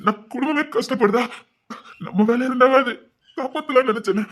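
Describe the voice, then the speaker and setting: An actor playing a tearful, remorseful brother, sobbing and stammering in a Tirunelveli Tamil accent, in a web-series family drama. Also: male voice, extremely high pitch, a little fast, fairly bright tone. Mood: grieving.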